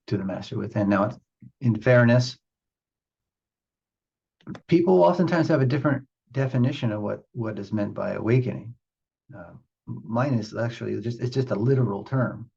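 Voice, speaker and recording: A spiritual teacher with a low, mellow, slightly husky voice leads a reflective meditation session. He moves through his ideas in deliberate, halting phrases, pausing for emphasis, and the recording sounds somewhat dull.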